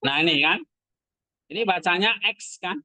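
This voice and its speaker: A man's voice: sits high, expressive, moderate pace, pushed and bright, no echo, rough recording. A man teaching a class, asking his students short questions as he goes. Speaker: Greek language teacher. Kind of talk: classroom lesson.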